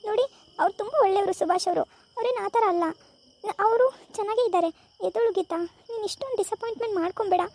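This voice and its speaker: A woman playing a gossiping female friend who mocks, then falsely soothes, in a comic village skit. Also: very high voice. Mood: soothing.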